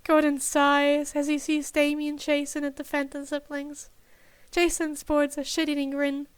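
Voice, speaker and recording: A woman reading fan fiction aloud as narrator, steady and plain. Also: high voice, unhurried, no echo. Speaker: podfic reader.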